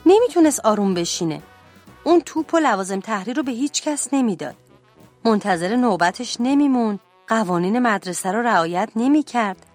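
A woman narrating a children's bedtime story in a clear, animated storytelling voice. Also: a little high.

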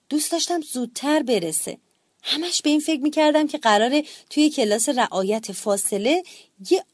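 A woman narrating a children's bedtime story in an expressive storytelling manner. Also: fairly high pitch, no room sound, clean studio sound.

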